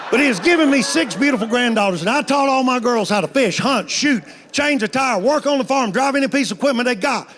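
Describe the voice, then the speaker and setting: A stand-up comedian in his 50s tells folksy stories with playful punchlines in a high-pitched voice, with background noise behind him.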